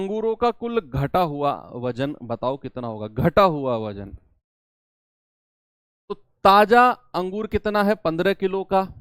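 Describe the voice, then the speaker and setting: A man's voice: high-pitched, clear, resonant tone, no echo, studio quality. A man teaching a math lesson, explaining problems step by step and asking his students questions as he goes.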